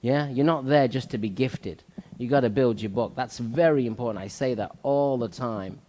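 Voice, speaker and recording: A man's voice: mid-range voice, moderate pace, warm tone. A man hosting a talk show, speaking earnestly and motivationally as a salon owner, repeating his key points. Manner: earnest, repetitive, motivational, with frequent fillers. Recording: long hall reverb.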